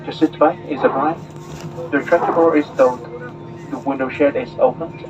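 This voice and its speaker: Man's flight attendant announcement through loud noise. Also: on the high side, fairly even intonation, normal speed. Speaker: cabin crew announcer. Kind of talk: scripted in-flight welcome announcement. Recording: dull cabin speaker, loud aircraft noise. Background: loud aircraft cabin noise.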